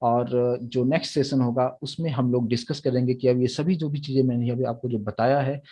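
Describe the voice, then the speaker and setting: A man's voice: mid-range voice, fairly even intonation, a little fast, dark tone. A young man teaching a programming lecture, explaining step by step and often checking that the students follow. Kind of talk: recorded Hindi lecture on Java.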